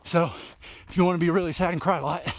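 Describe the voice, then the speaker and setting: Guy out jogging doing a casual book recap, winded, kinda high voice, super dry sound. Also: fairly even intonation, fast talker, no echo. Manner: talking while running and walking, breathy short phrases. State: out of breath from running. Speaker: book reviewer vlogger. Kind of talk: casual book recap vlog recorded on a run. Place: outdoors at night.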